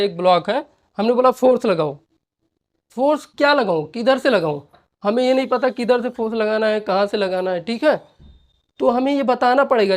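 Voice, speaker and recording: A woman teaching a physics class, explaining slowly, repeating points and often checking that students follow. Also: medium pitch, a little mellow. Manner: repetitive, checks understanding with "ठीक है". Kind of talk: classroom lecture with board work.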